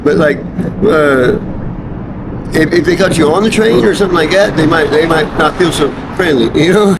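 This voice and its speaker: Folksy drawling American man over traffic noise. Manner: rambling, halting, chuckling, profane. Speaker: homeless interviewee. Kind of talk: casual street chat. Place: outdoors near railroad and traffic. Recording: noisy outdoor recording with traffic rumble.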